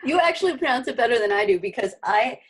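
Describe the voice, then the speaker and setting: A woman's voice: fairly high pitch, expressive, fast talker, husky. A woman in her twenties chatting casually in a group introduction, with a speech impediment that makes her say w for r and a chatty, like-peppered way of talking. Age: 20s. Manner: chatty, frequent "like". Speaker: physical therapy student.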